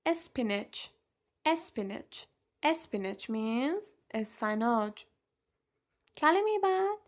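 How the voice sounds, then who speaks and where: A young woman teaching an English vocabulary lesson, saying each word slowly and clearly, then repeating it, with quick explanations in between. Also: fairly high pitch.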